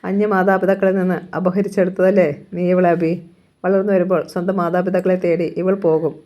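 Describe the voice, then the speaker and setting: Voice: medium pitch, little pitch movement, fairly quick, mellow, close to an everyday voice. A storyteller reading aloud, voicing a stern, resentful middle-aged father who lectures in a Kerala Malayalam accent. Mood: reproachful. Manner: reproachful, lecturing.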